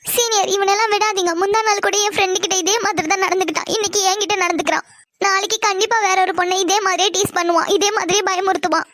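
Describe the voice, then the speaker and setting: A woman's voice: extremely high pitch, fairly even intonation, quick pace, fairly bright tone, no room sound, clean studio sound. A woman voicing a frightened young college girl in a cartoon drama, tearfully pleading to be left alone. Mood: urgent.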